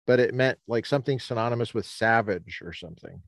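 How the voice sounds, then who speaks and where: A man from Colorado co-hosting a casual talk show, talking in a rambling, halting way with many restarts, standing outdoors by the ocean on a cold day. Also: on the low side, vocal fry, no room sound. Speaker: podcast co-host. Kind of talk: casual chat.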